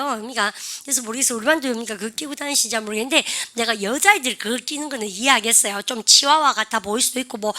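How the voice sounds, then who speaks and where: A woman's voice: sits high, bright, forceful tone. A woman teaching English and leading her class in repeat-after-me drills, coaxing and calling out cues.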